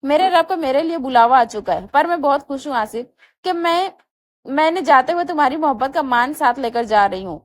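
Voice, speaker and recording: A tender young woman saying her last loving words, read aloud by a woman narrator. The voice sits high and speaks softly and haltingly, as in an audio novel reading. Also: animated.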